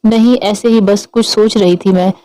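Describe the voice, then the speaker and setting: A woman's voice: medium pitch, fairly even intonation, normal speed, mellow, natural voice, low-quality recording. A woman voicing a shy young woman who speaks hesitantly and gets flustered.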